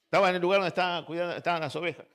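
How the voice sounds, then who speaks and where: Fervent Argentine pastor, higher voice. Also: male voice, fairly even intonation, racing. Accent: Argentine Spanish. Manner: fervent, quizzes the congregation with repeated questions; swings between hushed and loud delivery. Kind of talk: sermon. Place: church service.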